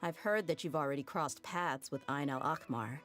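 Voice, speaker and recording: This actress's deep female voice, fairly bright in tone, plays a hard, straight-talking mercenary leader in a game cutscene, guarded and frank with casual slang. She speaks at a normal pace over soft background music.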